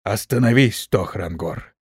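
A man's voice: a little mellow, slightly rough, dry recording, clean studio sound. A man doing a commanding orc khan. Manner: low, grumbling, measured. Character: weighty male orc great khan, cautious and commanding. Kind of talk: audiobook character reading.

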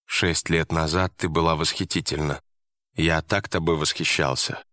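A man voicing a hushed tender admirer. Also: fairly low pitch, fairly quick, no room sound, studio quality, close to an everyday voice. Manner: hushed, near whisper.

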